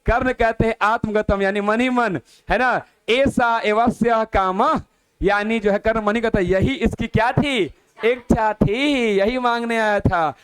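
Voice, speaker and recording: High-voiced teacher explaining verses. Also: male voice, clear, resonant tone, no room sound. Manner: reads verses slowly, explains with rhetorical questions. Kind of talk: Sanskrit lesson explanation.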